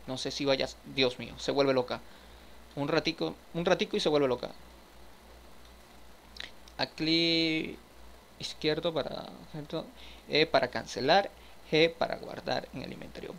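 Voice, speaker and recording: A man's voice: mid-range voice, a bit bright, a little hiss or hum. A man giving casual gameplay commentary, chatting to his viewers as he furnishes a house in a game. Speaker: gaming streamer.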